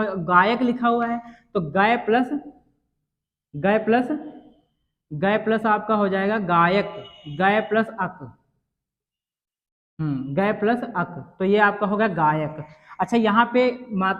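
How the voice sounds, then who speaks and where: A man teaching a grammar lesson, sounding out words slowly and asking the viewer whether they understood. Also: high voice, a bit bright. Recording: dull lo-fi sound.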